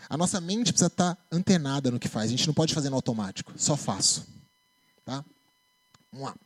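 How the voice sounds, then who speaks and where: Brazilian male preacher, lively conversational sermon, fairly high voice, frequent tag questions. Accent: Brazilian Portuguese. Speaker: preacher and psychologist. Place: church.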